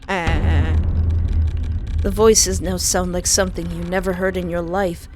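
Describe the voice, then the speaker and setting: A woman's voice: fairly low pitch, flat delivery, normal speed. A woman narrator reading a scripted second-person horror story.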